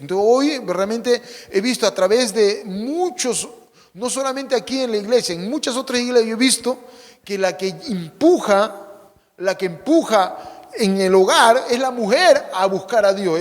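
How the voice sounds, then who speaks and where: Male pastor, high-pitched, emphatic sermon delivery with rhetorical questions, long church reverb. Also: animated, normal speed. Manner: preaching with rhetorical questions and call-and-response; swings between emphatic loud lines and quiet low asides. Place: church sanctuary.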